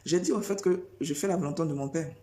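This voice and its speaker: A woman's voice: deep voice, quick pace, warm tone. A woman preacher delivering a sermon, insistent, repeating phrases and firing rhetorical questions at her listeners.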